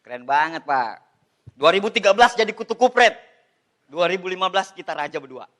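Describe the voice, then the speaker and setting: A middle-aged man with a high, bright voice gives an animated motivational seminar talk. He jokes with the audience and points to photos as he speaks. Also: fast. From Indonesia. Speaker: network marketing motivational speaker.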